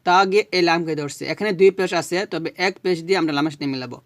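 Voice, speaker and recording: Man teaching recitation syllable by syllable; high, clear voice, dry close sound. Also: fairly bright tone, dry recording. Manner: spells syllables slowly, then recites drawn-out Arabic. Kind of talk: spelling out Arabic recitation lesson.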